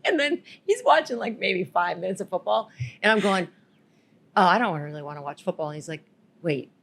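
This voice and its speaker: A woman's voice: mid-range voice, sing-song, moderate pace, gravelly, fairly bright tone. A woman co-hosting a podcast, telling a rambling story in a casual, giggly way. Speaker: podcast co-host.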